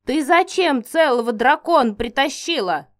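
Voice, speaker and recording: A woman voicing a bossy, impatient, eccentric female witch who scolds loudly in an audiobook. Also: on the high side, very animated, slow, exaggerated voice. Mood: indignant. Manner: loud, scolding.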